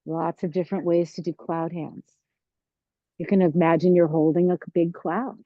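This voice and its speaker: A woman teaching a tai chi class, giving serene, encouraging, unhurried movement cues. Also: fairly low pitch, flat delivery. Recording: roomy, dull lo-fi sound.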